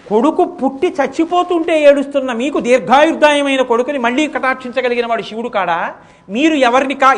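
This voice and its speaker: A devout teenage boy speaks with raised, earnest urgency, as a male preacher puts him on. His high voice climbs even higher and louder as he pleads and defies.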